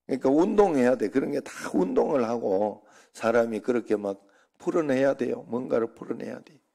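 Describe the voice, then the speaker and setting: Middle-aged man, pastor, dark gravelly voice, loose joking sermon delivery. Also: medium pitch. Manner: chatty, joking, rambling anecdotes. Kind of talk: informal sermon.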